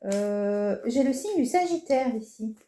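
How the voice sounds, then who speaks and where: A woman's voice: a little high, expressive, measured pace, dark tone. A woman giving a casual horoscope tarot reading, hesitant and reassuring, with frequent fillers. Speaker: tarot reader. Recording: echoey room with faint noise.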